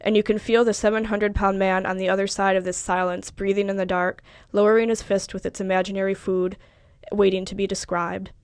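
Reading literary fiction aloud, a woman keeps a steady, measured delivery in a clear, resonant middle-pitched voice. The mic is close and the sound dry, with no echo from the room.

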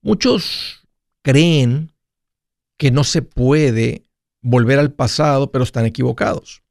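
A man's voice: medium pitch, takes it slowly, gravelly, darkish tone, no room sound, clean studio sound. Jokey man in his forties. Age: 40s. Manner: playful, jokey, restarts mid-phrase. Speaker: radio finance host. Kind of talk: casual monologue.

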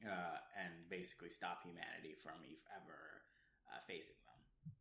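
A man's voice: low-pitched, fairly even intonation, normal speed, gravelly, bright, forceful tone. A man co-hosting a casual chat, explaining at length with plenty of ums and restarts. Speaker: podcast co-host. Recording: roomy echo.

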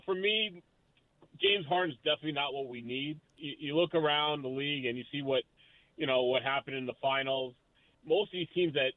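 A man calling in to a sports radio show over a clipped phone line, talking in a halting way with restarts and fillers. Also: mid-range voice, no echo. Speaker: caller. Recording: tinny phone line, dry.

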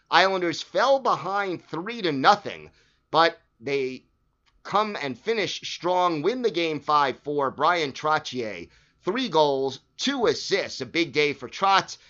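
A man's voice: on the high side, pushed and bright. Man recapping old games, lo-fi sound. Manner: conversational, stat-listing, with frequent fillers. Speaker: sports history host. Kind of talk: casual narrated game recap. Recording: dull lo-fi recording.

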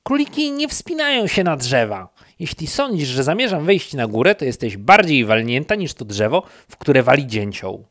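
Cranky storybook rabbit, male, loud and indignant, raised pitch, read by a man. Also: big pitch swings, normal speed, hardly any pauses, no room sound, studio quality. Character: grumpy, anxious male rabbit.

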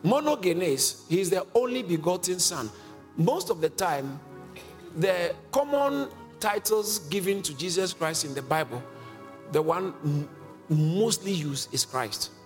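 A male preacher with a somewhat high voice teaches scripture emphatically, pressing questions on his listeners and chuckling as he goes. His voice rings with long reverb in a church hall. Faint music sits under the sermon. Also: animated, a little slow. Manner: emphatic, asks the congregation questions, chuckles often.

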